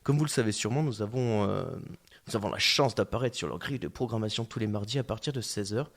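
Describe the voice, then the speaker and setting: A man's voice: fairly low pitch, quick pace. A man hosting a casual podcast chat in a radio studio, joking, laughing often and trailing off with fillers. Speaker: podcast host.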